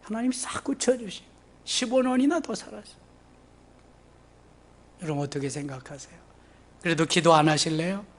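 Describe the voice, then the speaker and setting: Male pastor, high voice, preaching. Chatty retelling of scripture, sudden loud peaks and near-murmurs, calls for the congregation's responses. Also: lively intonation, normal speed, long pauses. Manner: swings from loud exclamations to hushed asides; plain conversational storytelling of scripture. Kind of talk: sermon.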